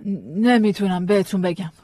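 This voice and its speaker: In a dry audiobook drama reading, a woman with a mid-range, dark-toned, natural voice plays a frightened, guarded wife. She speaks hesitantly and pleads, sounding anxious, with no echo.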